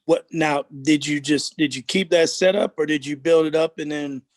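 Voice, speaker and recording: Male host, bright-pitched, dry sound, quick friendly questions over video call. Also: steady tone, no echo. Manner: upbeat, quick, asks questions. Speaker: host of online car club show. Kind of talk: casual hosting on video call.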